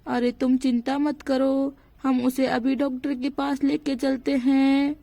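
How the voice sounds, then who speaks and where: A woman voicing a calm, caring elder sister-in-law in a doll storybook, reassuring and lightly scolding. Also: high voice, slow, vocal fry, no room sound, heavily acted.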